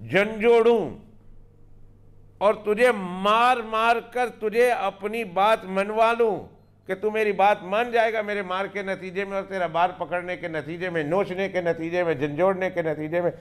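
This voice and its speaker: A man's voice: sits high, steady tone, a little slow. A man, a religious scholar, giving a weekly religious lesson. He tells the story emphatically, repeats key phrases and acts out the quoted dialogue.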